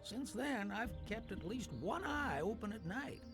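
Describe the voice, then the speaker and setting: Cranky farmer in a game, hokey country drawl, real high voice. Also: male voice, big pitch swings, measured pace, music in the background. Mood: gossipy. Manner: exaggerated rural drawl. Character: grumbling middle-aged male farmer, suspicious. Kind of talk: video game voice acting.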